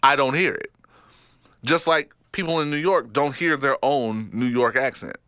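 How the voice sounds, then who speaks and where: This podcast co-host from Texas talks at normal speed in a clean, mid-range voice with a Texas accent, recorded dry with clean studio sound. His casual conversation is joking and animated, with frequent laughter, trailing off and restarting.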